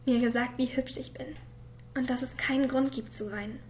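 A woman voicing a quiet, hurt young girl who reads a letter to her father in a soft voice that sometimes drops to a whisper. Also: high-pitched, steady tone, a little fast, slight background noise, lightly acted. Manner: soft and subdued, at times whispered. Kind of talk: voice-over reading of a letter.

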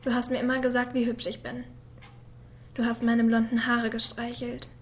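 A woman voicing a quiet, hurt young girl who reads a letter to her father in a soft voice that sometimes drops to a whisper. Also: on the high side, completely flat delivery, moderate pace, close to an everyday voice. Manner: soft and subdued, at times whispered. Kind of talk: voice-over reading of a letter.

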